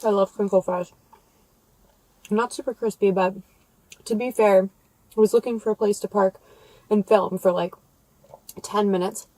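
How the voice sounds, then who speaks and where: A woman's voice: medium pitch, steady tone, a little slow, pauses often, dark tone, dry recording, rough recording. An American woman giving a casual food review to viewers, talking between bites of crunchy fried chicken. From United States. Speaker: food vlogger, mukbang host. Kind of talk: casual food review chat while eating.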